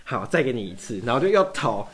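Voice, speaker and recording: A man's voice: medium pitch, big pitch swings, quick pace. A young man from Taiwan telling a long story in casual chat, acting out both sides of every exchange. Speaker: podcast guest.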